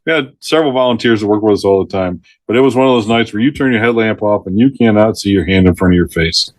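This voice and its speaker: A man's voice: fairly low pitch, fast, dry recording. Middle-aged man telling rescue stories, dry sound. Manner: lively storyteller who laughs mid-sentence and acts out quotes. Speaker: retired forest ranger, podcast guest. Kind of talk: storytelling in a casual interview.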